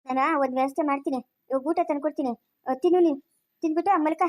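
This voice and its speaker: An actress with a rural Chikkaballapur Kannada accent playing a kind neighbor woman who gently comforts a crying new mother. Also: sits high, racing, lightly acted. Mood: reassuring.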